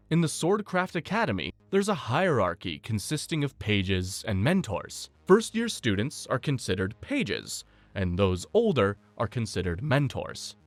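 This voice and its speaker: Lively man narrating a story recap. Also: medium pitch, dry recording. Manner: explanatory storytelling, steady read. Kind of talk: scripted narration.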